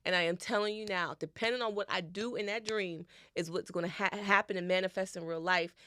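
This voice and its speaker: A woman co-hosting a podcast, telling stories in an animated way and repeating her phrases in casual chat. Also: fairly low pitch, fairly quick, dry recording. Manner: animated storytelling, repeats phrases, spiritual talk. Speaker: podcast co-host.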